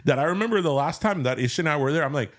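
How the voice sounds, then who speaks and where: A man's voice: on the high side, racing. A man, born in Cuba, hosting a podcast in casual chat and acting out quotes as he tells stories. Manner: animated storyteller, acts out quotes. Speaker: podcast host.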